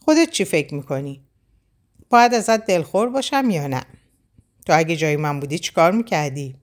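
A woman voicing a gentle, devoted young man in a storybook reading, speaking in soft, reassuring lines. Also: low-pitched, lively intonation. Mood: reproachful.

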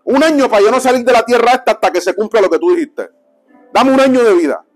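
A young adult man preaches his testimony in a high-pitched voice. He tells it like a lively story and drops low when he acts out the dialogue. Faint music plays behind him. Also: fast talker.

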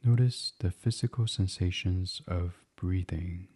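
A podcast host guides a bedtime meditation in a low voice, speaking softly, soothingly, and unhurriedly in a hushed, breathy way, like a gentle bedtime reading.

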